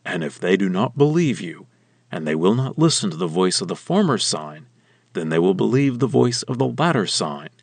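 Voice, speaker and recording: A man voicing a stern, commanding male god in a slow, weighty scripture reading. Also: sits low, sing-song, creaky, slightly rough, no room sound, voice pushed down, heavily acted.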